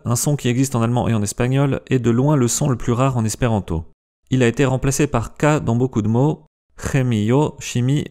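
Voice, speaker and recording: A man with a mellow, warm voice narrates a language lesson in a lively scripted way. He slows right down to sound out example words one syllable at a time. His pitch sits in an ordinary middle range. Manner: lively explainer, slows to spell out pronunciations. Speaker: language video host.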